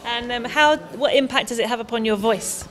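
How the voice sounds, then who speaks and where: A woman's voice: a little high, a little fast, fairly bright tone. A woman interviewing people casually at an event, asking short, simple questions. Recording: crowd chatter outdoors. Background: crowd at an outdoor event.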